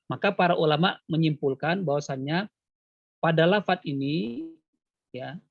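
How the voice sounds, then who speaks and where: Male tajwid teacher on a video call, slightly high voice, dry muffled line; patient and quizzing. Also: dry recording. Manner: patient, quizzing the student with repeated questions and "ya". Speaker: Quran recitation teacher. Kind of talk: online one-on-one tajwid lesson.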